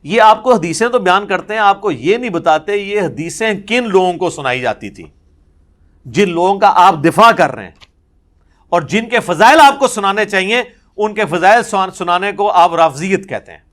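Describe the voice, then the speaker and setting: Animated man lecturing on religion. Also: high-pitched. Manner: animated storytelling, acting out quoted speech. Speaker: religious scholar.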